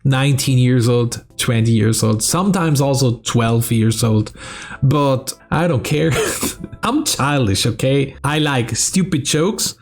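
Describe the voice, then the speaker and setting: Faint music plays behind a young man from South Tyrol, Italy, whose German accent comes through as he casually answers fan questions in a Q&A vlog, swearing and laughing in between. His mid-range voice is expressive and slow.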